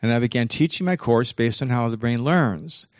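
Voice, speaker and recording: An older man giving a lively motivational talk. He slows down to stress key points and acts out quoted voices with big jumps in pitch. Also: no echo, clean studio sound. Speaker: speaker giving a talk on self-talk.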